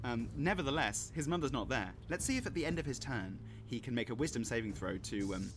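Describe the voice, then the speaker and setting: A man runs a tabletop game with a playful, theatrical delivery. His pitch swings widely as he narrates. Faint background noise sits under his voice. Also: animated, fast. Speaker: game master.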